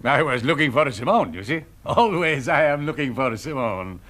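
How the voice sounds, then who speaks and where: A courtly count forever pining for his lady. He speaks in a formal, stilted way, his mid-pitched voice rising and falling widely. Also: big pitch swings, moderate pace, fairly bright tone, slight background noise. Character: courtly European count, lovesick.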